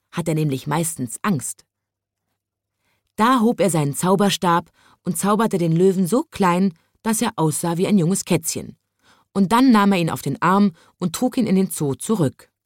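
A woman reading a children's story aloud in a calm, expressive way. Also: fairly low pitch, moderate pace, no echo, clean studio sound.

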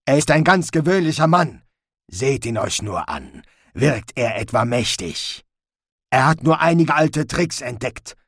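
A man voicing a cruel, imperious lord who speaks slowly and with quiet menace. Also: lowish voice, expressive, breathy edge, no room sound, clean studio sound, exaggerated voice. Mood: menacing. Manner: slow, menacing, commanding.

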